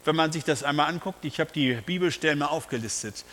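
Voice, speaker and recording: A man's voice: on the high side, quick pace, fairly bright tone, long reverb tail. A man preaching a sermon, emphatic and speaking straight to his congregation with rhetorical questions. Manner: addresses the congregation directly.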